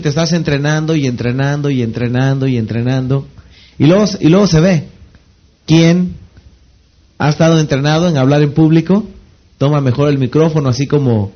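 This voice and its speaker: A man with a Mexican accent giving a motivational seminar talk as a network marketing trainer. He keeps asking rhetorical questions and pauses for the audience to finish his sentences. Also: mid-range voice, dull audio. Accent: Mexican Spanish. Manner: rhetorical questions, pausing for the audience to fill in words.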